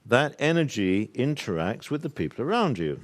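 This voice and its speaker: A man's voice: medium pitch, very animated, moderate pace. An older man from the UK giving an earnest, rambling workshop talk to a live audience. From United Kingdom. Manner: earnest, emphatic, rambling with laughs and restarts. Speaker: workshop speaker.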